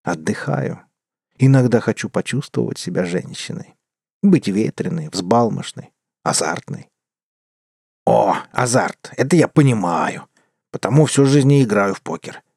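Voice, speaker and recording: A man narrating a story in a measured, wry manner as an audiobook. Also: on the low side, animated, gravelly, a little mellow, husky, no echo, studio quality.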